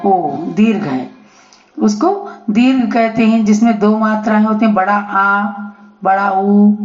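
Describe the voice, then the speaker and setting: A woman teacher explaining a grammar lesson in a slow, deliberate way, stretching out her examples. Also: a little high, a little mellow. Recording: echoey, dull lo-fi audio.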